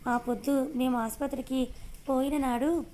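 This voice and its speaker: A grieving old village mother, plaintive and pleading, as a woman reader gives her the lines. The voice sits fairly high and stays flat. It is a storybook reading. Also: normal speed, lightly acted.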